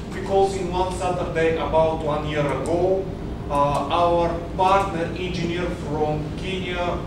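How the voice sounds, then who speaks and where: A man from Bulgaria in his thirties presenting software at a conference, hesitant, with many filler sounds. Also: fairly high pitch. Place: hotel conference room, indoors. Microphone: far camera. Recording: very echoey room, distant mic, background hum.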